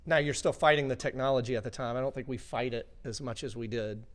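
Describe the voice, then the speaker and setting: A man as a podcast guest, explaining his work thoughtfully and filling pauses with asides. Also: medium pitch, fairly even intonation. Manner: thoughtful, explaining with many fillers. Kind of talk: casual interview chat.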